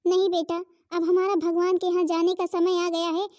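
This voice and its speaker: A woman's voice: very high voice, level tone, normal speed, no echo. A frail, worried old mother-in-law. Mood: sad, pleading. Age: older. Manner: soft, pleading farewell speech. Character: dying elderly mother-in-law, gentle and worried. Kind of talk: Hindi cartoon voice acting.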